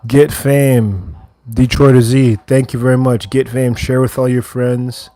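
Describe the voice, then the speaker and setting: A man's voice: mid-range voice, level tone, unhurried, warm tone, no echo. Laid-back man chatting while cooking. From Wheaton, Illinois, USA. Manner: laid-back, reads viewer comments aloud and answers them. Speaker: livestream host. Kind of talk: casual livestream chat while cooking. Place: kitchen, indoors.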